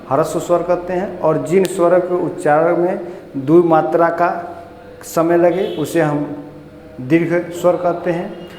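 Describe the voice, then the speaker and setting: A man's voice: a little high, a little mellow. A male teacher faint explains a grammar lesson step by step and often puts questions to his students. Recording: echoey room with faint noise.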